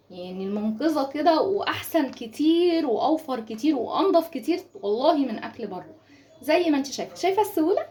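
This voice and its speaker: A woman with an Egyptian accent hosting a casual home cooking tutorial, chatty and coaxing as she talks her viewers through each step in her kitchen. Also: sits high. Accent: Egyptian Arabic. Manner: chatty and warmly coaxing, addresses viewers as ladies. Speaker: home cooking channel host.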